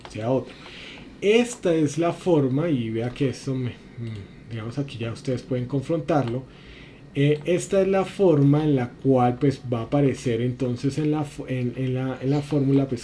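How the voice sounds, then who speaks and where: A man's voice: medium pitch, dark tone, slight background noise. A man instructing a class through a spreadsheet lesson on screen, talking through each step with many fillers and restarts. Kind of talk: screen-share software lesson.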